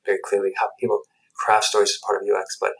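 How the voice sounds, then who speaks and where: A bilingual Spanish-English man from the United States tells his story as a podcast guest, reflective and rambling, restarting often. His voice is lowish and monotone, and he talks fast. The recording, made on headset earphones, is rough.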